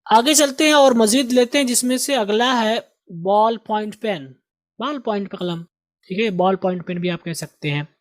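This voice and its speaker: A man teaching English as a host of an online lesson, with an Indian Urdu accent, drilling vocabulary by repeating each word slowly. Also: sits high, dry recording. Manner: drills words with slow repeated pronunciation. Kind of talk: recorded lesson.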